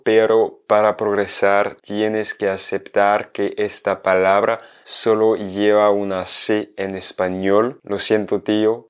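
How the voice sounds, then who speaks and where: A man teaching Spanish vocabulary in a video lesson, explaining clearly and slowly. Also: fairly low pitch. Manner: clear, slow explaining, switching between French and Spanish.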